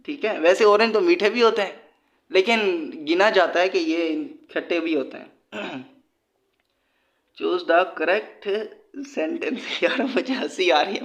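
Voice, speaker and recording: A man's voice: high-pitched, a bit bright. A man with a Pakistani Urdu accent, teaching an exam-prep lesson in a casual, joking way and laughing at his own asides.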